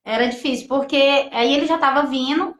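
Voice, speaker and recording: A woman from gives an emotional personal testimony, halting and full of restarts as she quotes her own thoughts. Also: sits high, fairly bright tone. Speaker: testimony guest. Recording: echoey room.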